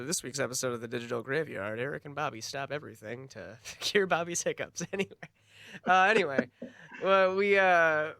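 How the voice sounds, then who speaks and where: A man co-hosting a podcast in casual chat, animated, laughing often and restarting his sentences. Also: fairly high pitch, no echo. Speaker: podcast co-host.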